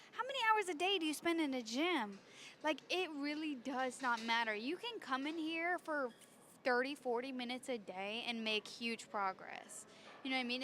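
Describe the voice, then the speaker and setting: A woman's voice: high-pitched, noisy background. A woman vlogging casually in a gym, explaining her workout and cheering on her trainer between sets. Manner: chatty, hypes up her trainer during sets. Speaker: fitness vlogger. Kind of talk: casual gym vlog talk. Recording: background music.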